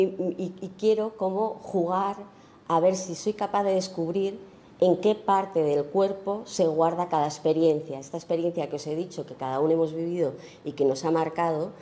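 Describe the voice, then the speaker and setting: A woman from Spain speaks at a festival talk about her photography, feeling her way through each thought with frequent fillers and rhetorical tag questions. Her voice sits low and soft, with a dark, mellow tone. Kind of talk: informal lecture on her own work.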